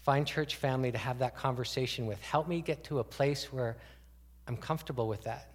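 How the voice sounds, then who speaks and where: A man's voice: medium pitch, brisk, big-room sound. A man preaching a conversational sermon as a pastor, asking the congregation many rhetorical questions. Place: church sanctuary.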